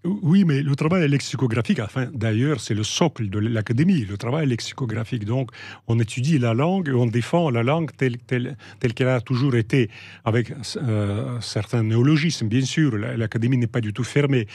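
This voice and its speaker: A middle-aged man from Russia with a Russian accent, talking in a measured, hesitant way with many pauses and restarts as an interview guest. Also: mid-range voice, darkish tone, breathy edge, no echo. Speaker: guest, novelist. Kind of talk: reflective interview talk.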